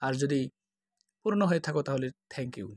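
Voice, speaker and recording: A man giving a patient tutorial, slowly drawing out each letter sound to compare two alphabets. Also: mid-range voice, animated, darkish tone, dry recording, clean studio sound. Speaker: language teacher. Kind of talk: tutorial explanation.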